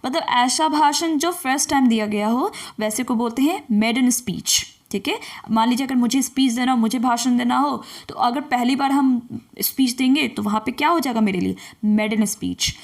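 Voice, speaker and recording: A woman teaching English vocabulary, reading each definition slowly, then explaining it and quizzing the listener with repeated questions. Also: fairly high pitch. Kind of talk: bilingual vocabulary lesson.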